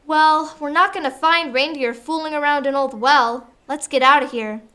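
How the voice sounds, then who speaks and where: Actress as girl, sensible exasperated older sister, family drama; high-pitched, bright delivery. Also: normal speed. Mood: impatient. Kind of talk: acted family film dialogue.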